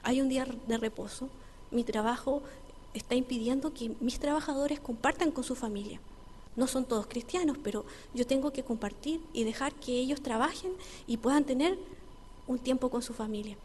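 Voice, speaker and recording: Eager, grateful businessman, as a woman pastor voices him, higher and louder, in a reverberant church. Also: normal speed, a little hiss or hum, natural voice. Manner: brighter, louder, more animated than her narration. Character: male restaurant owner, eager, grateful, sincere. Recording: reverberant church hall with faint ambience.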